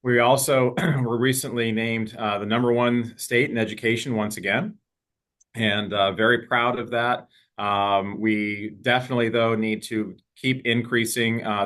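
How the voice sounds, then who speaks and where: A man serving as a state representative, giving a steady explanatory update in an interview over a video call. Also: on the low side.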